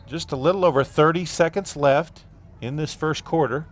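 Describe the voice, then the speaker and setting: A man doing play-by-play commentary on a local football game, calling plays briskly with relaxed asides. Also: on the high side. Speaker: play-by-play announcer.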